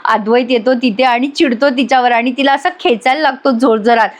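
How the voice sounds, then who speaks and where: A woman's voice: a little high, steady tone, a little fast. A woman giving a chatty voice-over review of a TV serial episode, storytelling and addressing viewers directly.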